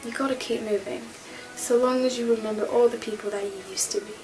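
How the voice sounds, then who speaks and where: Woman doing an excitable male alien Doctor. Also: fairly high pitch, fast talker, over music, lightly acted, low-quality recording. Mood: gentle, wistful. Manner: excitable, exclamatory, checking himself over. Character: manic newly regenerated male alien Doctor.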